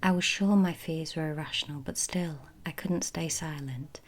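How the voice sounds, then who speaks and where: A woman speaking in a breathy, unvoiced ASMR whisper, as the host reading and talking to her listeners. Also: deep voice, moderate pace.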